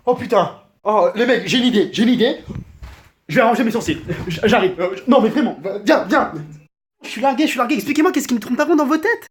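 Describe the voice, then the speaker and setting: A man's voice: extremely high pitch, fast talker. Brief: male comic vlogger, crude rant, voice jumping all over. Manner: crude, animated, stammering rant. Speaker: comedy vlogger.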